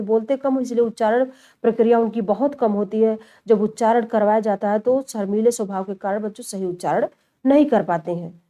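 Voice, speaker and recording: A woman teacher giving an exam-prep lecture. She explains each point in turn, calls her students children, and slows down to show how words are said. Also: on the high side, mellow. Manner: slows down and stretches words when showing pronunciation.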